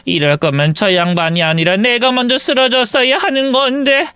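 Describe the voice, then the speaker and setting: A man's voice: big pitch swings, measured pace, pushed and bright, clean tone, no room sound, studio quality, heavily acted. A man voicing a bitter, domineering older mother-in-law who scolds and wails in self-pity. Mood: wailing. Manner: shrill, self-pitying wailing.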